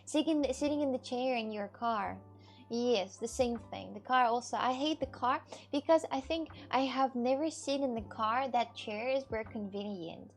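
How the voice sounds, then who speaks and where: Young woman streamer in her twenties, slightly high voice, rambly and giggly, swears casually, faint music underneath. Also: normal speed. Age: 20s. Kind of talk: casual chat answering viewers.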